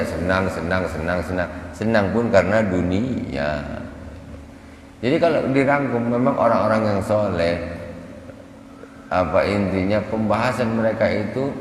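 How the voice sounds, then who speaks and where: A man preaching a sermon in a mosque, animated and repetitive, his voice jumping up sharply when he scolds. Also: sits low. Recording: echoey mosque hall, faint noise.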